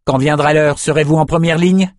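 A man's voice: fairly high pitch, fairly even intonation, fairly quick, dry recording, studio quality, voice pushed up, close to an everyday voice. A man voicing a proud young swordsman who speaks in a cutting, sarcastic way in a storybook reading. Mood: defiant.

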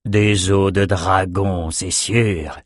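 A man voicing a self-assured old male wizard in an audiobook, speaking slowly and deliberately. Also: low voice, steady tone, dry recording, clean studio sound, exaggerated voice. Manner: slow, deliberate.

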